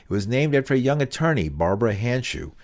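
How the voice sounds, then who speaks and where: A man's voice: mid-range voice, fast. A man reading a news introduction, then asking an interview guest questions with short affirmations. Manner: steady reporter's read, brief affirmations. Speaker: interviewer and narrator.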